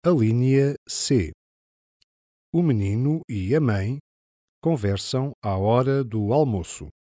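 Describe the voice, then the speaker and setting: A man with a European Portuguese accent, slowly reading listening-test instructions and answer options. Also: medium pitch, warm tone, no room sound, studio quality. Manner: slow, deliberate, instructional. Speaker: exam narrator. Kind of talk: scripted narration of a listening test.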